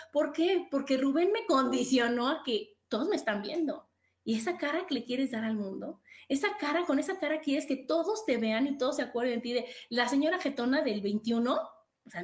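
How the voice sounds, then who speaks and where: A woman's voice: sits high, roomy sound. A middle-aged woman hosting a motivational podcast, emphatic and full of rhetorical questions. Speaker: podcast host. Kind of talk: motivational talk.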